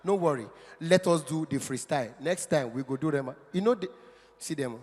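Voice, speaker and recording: A man's voice: on the high side, brisk, a little mellow. A man with a Nigerian accent doing playful stand-up comedy on stage in front of an audience, like a practised showman. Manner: playful showman, mixes Pidgin into his patter. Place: on stage in a large venue. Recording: reverberant live stage with background noise.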